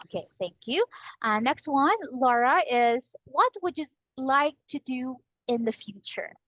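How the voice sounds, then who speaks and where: A Filipina English tutor in her twenties teaches over a video call. Her voice sits a little high and is recorded close and dry. She talks patiently and encouragingly, and she says her student's name again and again. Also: lively intonation, a little slow, fairly bright tone, no echo, poor audio. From Philippines. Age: 20s. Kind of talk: online speaking lesson.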